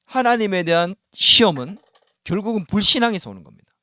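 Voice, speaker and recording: A man's voice: high-pitched, big pitch swings, a little fast, pushed and bright, no room sound. A male pastor preaching a sermon in a church, often asking the congregation questions and acting out the words of doubting believers. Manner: voices doubting believers in first person. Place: church sanctuary.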